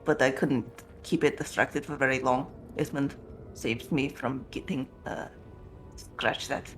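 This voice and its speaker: Tabletop role-play narration, mid-pitched, halting, self-correcting, faint music. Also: fairly even intonation, a bit bright.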